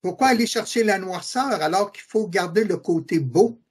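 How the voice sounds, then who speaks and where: This middle-aged man from Quebec City, Canada, speaks French with a Québécois accent, his husky voice sitting high with lively intonation at a normal pace. As an interview guest he gives earnest testimony, often hesitating and repeating his affirmations.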